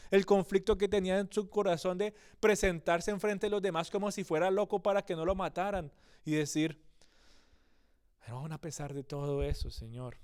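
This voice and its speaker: A man's voice: sits high, darkish tone, smooth. A male pastor preaching a sermon, earnest and speaking straight to his listeners, often correcting himself mid-phrase. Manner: earnest, addresses listeners directly, frequent self-corrections.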